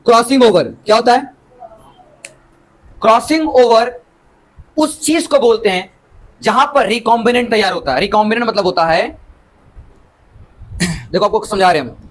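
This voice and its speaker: In a low-quality recording, a man with a very high-pitched voice teaches biology using English terms. He lectures the class, keeps students engaged with rhetorical questions and explains through homely examples.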